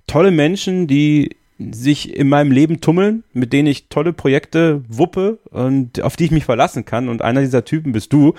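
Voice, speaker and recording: Podcast cohost guy, gravelly voice, upbeat and thankful, lots of ums, dry mic. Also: a little high, moderate pace, hardly any pauses, warm tone, no echo. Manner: enthusiastic, grateful, many fillers. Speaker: podcast co-host. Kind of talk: casual podcast chat.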